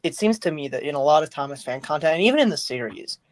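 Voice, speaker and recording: A man chatting casually about voicing characters in a fan production, animated and full of restarts. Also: on the high side, fast, dry recording. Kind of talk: casual group chat.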